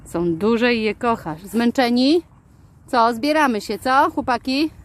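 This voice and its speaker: Woman baby-talking her dogs in a field. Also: a little slow. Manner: high sing-song baby talk to pets; calls out commands, squeals with excitement. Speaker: dog owner vlogger. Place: open fields outdoors.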